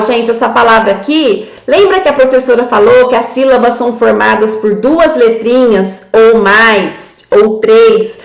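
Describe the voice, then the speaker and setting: Brazilian woman, literacy trainer, slightly high voice, gravelly edge, spells out sounds slowly, echoey room. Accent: Brazilian Portuguese. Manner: slow, syllable-by-syllable demonstration for young children. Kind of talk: teaching tutorial for teachers.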